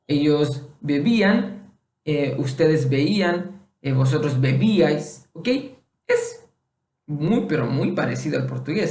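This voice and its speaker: A man's voice: on the high side, darkish tone, reverberant. A man teaching a casual Spanish lesson, patiently repeating and checking in with the listener. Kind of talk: casual online Spanish lesson for Portuguese speakers.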